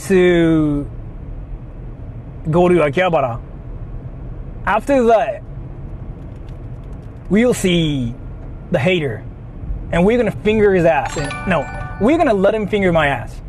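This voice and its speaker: A high-voiced man with a Japanese accent, a native Japanese speaker, livestreams casually from inside his car as he drives, rambling, repeating himself, and making crude jokes while reading donations. The recording picks up the noisy interior of the moving car.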